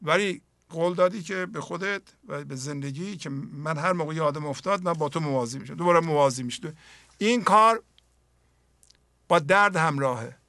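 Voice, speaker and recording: A man hosting a spiritual poetry program, explaining the verses earnestly and dropping to a soft voice when he acts out inner dialogue. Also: a little high, no room sound. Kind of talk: spoken commentary on mystical poetry.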